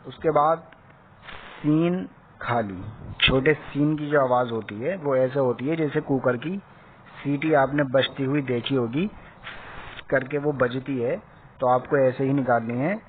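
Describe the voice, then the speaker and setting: A man's voice: mid-range voice, steady tone. Patient male teacher on a tinny line. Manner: patient, repeats each sound, often checks understanding. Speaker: Quran reading teacher. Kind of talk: slow step-by-step lesson. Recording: tinny phone-like audio with faint hiss.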